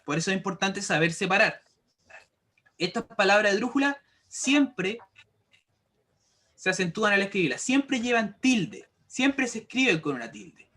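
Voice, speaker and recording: Casting: male teacher, high-pitched voice, patient, repeats rules, online class. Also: big pitch swings, unhurried, pushed and bright. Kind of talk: explaining grammar rules to a class. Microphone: computer mic for an online class.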